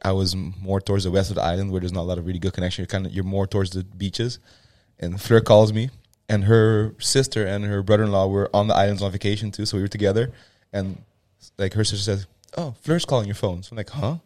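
A man's voice: low voice, flat delivery, quick pace, hardly any pauses, darkish tone, no echo, clean studio sound. A young man, a gym co-founder, telling a loose, swearing story in a casual podcast chat.

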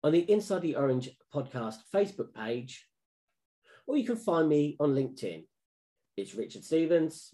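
Medium in pitch and dark in tone, this man's voice belongs to a podcast host. His interview questions run long and rambling, and he often restarts them.

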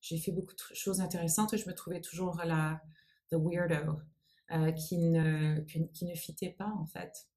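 This guest, an English-speaking woman in her forties who founded a nonprofit, talks in French with an English accent, pausing to find the right words as she thoughtfully answers an interviewer. She speaks at normal speed in a warm, low voice with little pitch movement.

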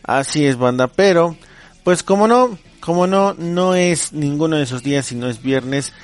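A man's voice: on the high side, lively intonation, normal speed. A man with a Mexican accent, a teacher hosting a casual podcast, telling jokes in a playful way, full of slang and chuckling at his own punchlines.

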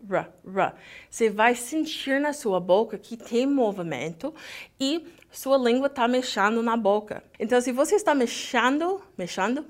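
Woman teaching in Portuguese. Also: fairly high pitch. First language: English. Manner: lively, switches between Portuguese and English. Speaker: English teacher. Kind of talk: language lesson, explaining lyrics.

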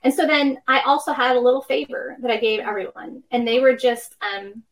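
A woman's voice: fairly high pitch, a little fast, low-quality recording. A woman in her fifties, a worship professor speaking as a podcast guest, explaining ideas reflectively through personal anecdotes. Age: 50s. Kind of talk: conversational podcast interview.

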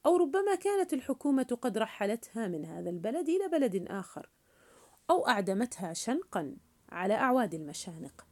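A woman's voice: medium pitch, darkish tone. A woman voicing a mocking, cruel teenage boy who taunts in a sneering tone in a storybook reading.

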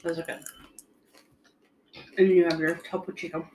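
A woman's voice: lowish voice, level tone, moderate pace, darkish tone, slight background noise. A woman co-host talking in a casual, conversational chat style.

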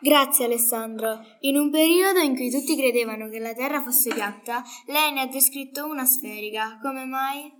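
A woman's voice: sits high, normal speed, hardly any pauses. A teenage girl co-interviewing on radio, reading prepared questions formally.

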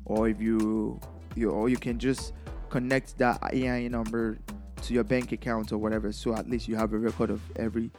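Chatty Nigerian-accented DJ giving tips. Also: male voice, on the low side, brisk, faint music behind. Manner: lively, chatty, laughs often. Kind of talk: casual advice vlog.

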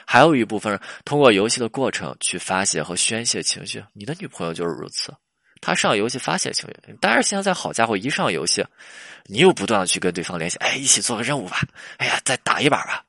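A man's voice: fairly low pitch, very animated, fast, creaky, a bit bright, dry recording, studio quality. A man hosting a casual relationship advice talk, chatty and full of rhetorical questions. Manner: chatty, laughs at his own stories, rhetorical questions.

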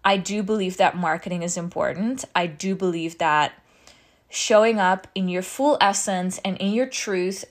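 Slow-talking, breathless woman coach. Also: mid-range voice. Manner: chatty, says "right?" often, laughs often. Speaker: business coach. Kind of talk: casual teaching talk.

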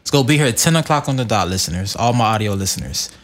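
A man's voice: lowish voice, lively intonation, rapid-fire, fairly bright tone. A young man hosting a casual podcast in slangy bro talk, telling stories and repeating phrases for emphasis. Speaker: podcast host. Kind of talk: casual podcast banter and storytelling.

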